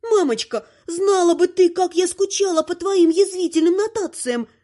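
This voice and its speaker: A woman reading an audiobook, voicing a disorganized grown daughter who is now a dark ruler, speaking in an exclaiming, pleading way. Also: extremely high pitch, expressive, moderate pace, pitched above the performer's own voice. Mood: emotional.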